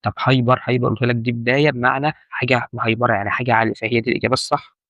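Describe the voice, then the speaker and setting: The audio is dull and free of room sound as a man with an Egyptian Arabic accent races through an informal medical terminology lesson. His mid-range, fairly bright voice shows little pitch movement, and he repeats key points while questioning the listener.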